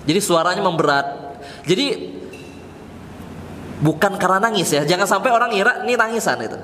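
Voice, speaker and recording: Ustaz with a higher voice in an echoing mosque. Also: male voice, animated, pushed and bright. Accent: Indonesian. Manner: conversational, recites Arabic quotes slowly, acts out feigned piety. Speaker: ustaz giving a mosque study session. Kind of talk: casual sermon. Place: mosque hall. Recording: reverberant mosque hall with faint background noise.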